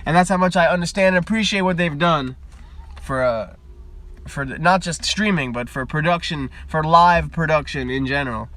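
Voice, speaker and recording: A man's voice: fairly high pitch, moderate pace, a bit bright. A young man streaming live from his parked car at the beach, chatting casually and wandering from topic to topic, picked up by a phone mic. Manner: rambling, chatty, easily sidetracked.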